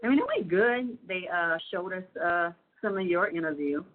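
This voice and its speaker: Heard through a tinny prison payphone line, this is a woman with a lowish, expressive voice talking at normal speed. She rambles casually in phone chat, filling it with fillers.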